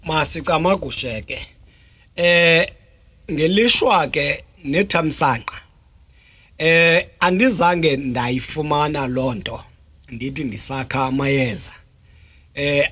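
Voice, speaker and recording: A man with a Xhosa accent from South Africa, explaining things deliberately as an interview guest, with frequent hesitation sounds. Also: mid-range voice, bright, forceful tone, breathy edge. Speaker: traditional healer interview guest.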